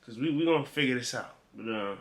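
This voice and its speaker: A man's voice: medium pitch, expressive, fast, a bit bright, slight background noise. A man casually reacting to a video with laid-back, slangy commentary. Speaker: reaction youtuber.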